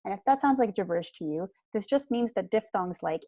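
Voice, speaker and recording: A young woman doing a PhD gives a prepared seminar lecture in an articulate, explanatory manner. Her mid-range voice is expressive, dark-toned and slightly fast, recorded with no echo on a computer mic in a small room at home.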